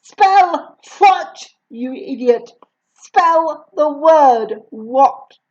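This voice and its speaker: A towering, tyrannical headmistress, as a woman puts her on, barking and snapping loud threats at small children. The voice sits high and the delivery drags slowly and heavily over every word. The recording sounds dull and lo-fi. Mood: menacing. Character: bullying huge female headmistress, shouting.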